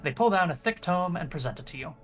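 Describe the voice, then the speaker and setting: A man's voice: sits high, expressive, quick pace, a bit bright, faint music behind. A man reading game text aloud as narrator during a playthrough.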